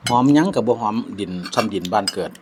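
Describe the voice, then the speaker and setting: A man's voice: lowish voice, expressive, fast, darkish tone, slight background noise. A man with an Isan accent chatting reflectively over a meal, using many polite particles. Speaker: vlogger. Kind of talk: casual chat over a meal.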